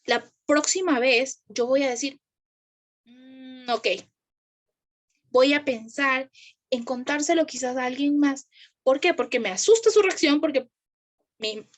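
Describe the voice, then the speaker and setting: A woman's voice: high voice, fairly bright tone. A woman speaking to a live group about parenting, asking the audience questions and acting out the voices she quotes. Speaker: parenting educator.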